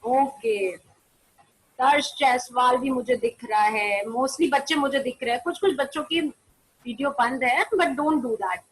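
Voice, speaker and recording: A primary school maths teacher with a high voice leads an online class on a video call, speaking a little slowly and mixing Hindi with English. She asks pupils questions and answers them herself, calling them by name to switch on their cameras, over a rough recording with slight background noise.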